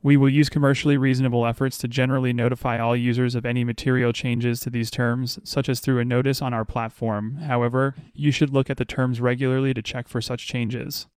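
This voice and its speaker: A man narrating as a sleep story host, reading in a measured, deliberate bedtime style. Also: medium pitch, flat delivery, darkish tone, smooth, dry recording, studio quality. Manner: measured, unhurried, deliberate phrasing.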